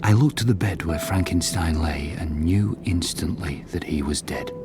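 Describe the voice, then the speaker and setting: An actor playing an earnest, ambitious Arctic expedition captain in a gothic audio drama, solemn and dramatic. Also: male voice, sits low, normal speed, over music, lightly acted. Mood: solemn, haunted. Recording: clear background ambience noise.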